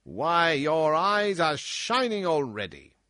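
A man's voice: on the high side, big pitch swings, takes it slowly, pushed and bright, no room sound, studio quality, pitched above the performer's own voice, full character voice. A man voicing a cruel, boisterous old king who mocks and bellows at his jester in a storybook reading. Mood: mocking, blustering. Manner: bellowing, mocking, laughs harshly.

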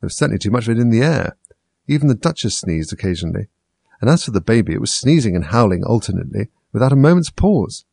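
A man narrating a storybook in a lively, expressive reading. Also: on the low side, fast, creaky, husky, dry recording.

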